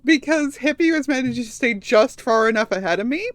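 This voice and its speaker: Animated woman streamer chatting. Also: on the high side, a little fast, no echo. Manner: laughing, animated storytelling. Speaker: streamer and game host. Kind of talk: casual gaming chat.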